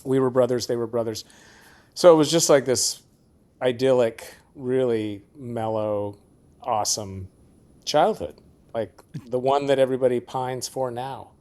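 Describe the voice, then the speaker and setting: A man's voice: mid-range voice, steady tone, measured pace, a little mellow. A middle-aged man from the Seattle area, a guest musician in a casual interview, rambling through stories and laughing often.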